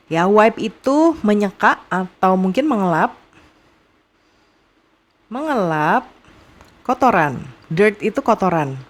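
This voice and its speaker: A young woman with an Indonesian accent teaching vocabulary to young students, repeating each phrase slowly and patiently. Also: fairly low pitch. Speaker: English teacher.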